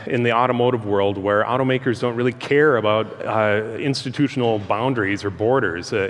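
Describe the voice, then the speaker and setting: A man giving an informal public presentation through loud speakers, speaking in a halting, conversational way as a guest speaker. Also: fairly low pitch. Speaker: guest speaker, transportation engineer. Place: large room, speaking through a PA system. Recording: hall reverb, amplified through loudspeakers.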